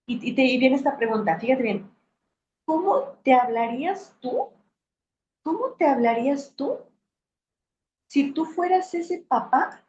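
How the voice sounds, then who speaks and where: Warm, higher-voiced woman. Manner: checks in often with the audience, asks rhetorical questions. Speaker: speaker on emotional healing. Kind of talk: reflective talk to an audience. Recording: roomy, slightly dull sound with faint hiss.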